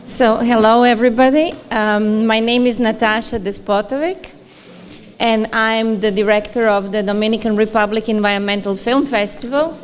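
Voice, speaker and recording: A woman's voice: on the high side, steady tone, normal speed. Woman presenting at a forum. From Croatia. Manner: chatty and friendly, laughs often, repeats words for emphasis. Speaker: festival director presenting at a forum. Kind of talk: conference presentation.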